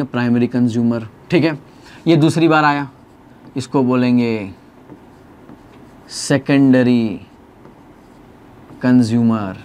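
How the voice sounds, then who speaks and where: A young man with an Indian accent teaching biology in a classroom lecture, asking questions and answering them for his students. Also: a little high. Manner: lively, swings from loud to soft.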